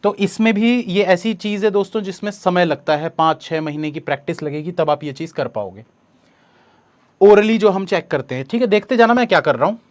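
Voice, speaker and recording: A man, teaching an exam coaching lesson step by step and reading the questions slowly aloud. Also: high-pitched.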